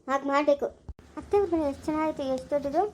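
Grumbling, scheming village mother-in-law, a woman voicing her, high-pitched and fast, in a rural Kannada accent, muttering low. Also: steady tone, a little hiss or hum, natural voice. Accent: rural Chikkaballapura Kannada. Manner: low muttering, plotting under breath. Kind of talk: family skit.

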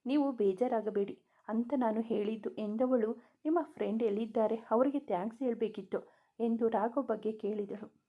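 Female storyteller, slightly high voice, reading a romance aloud over a tinny phone-like line.

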